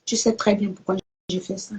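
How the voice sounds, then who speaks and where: A woman's voice: mid-range voice, little pitch movement, brisk, dark tone. A woman, delivering a confrontational vlog rant to her followers and repeating her points for effect. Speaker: social media personality. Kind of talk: live video rant to followers.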